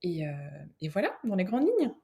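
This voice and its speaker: A woman from France, an interior architect and decorator, speaking as a podcast guest. She chats casually with frequent pauses and restarts. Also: medium pitch, wildly swooping pitch, dark tone. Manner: hesitant, with frequent fillers and restarts.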